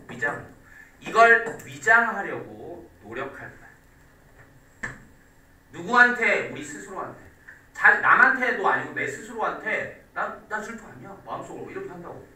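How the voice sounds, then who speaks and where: A man teaching an exam-prep English class in a lively, questioning style, his voice high and bright with wide swings in pitch. He fires off rapid questions to his students. The sound is roomy and echoey, picked up from some distance away. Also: slight background noise.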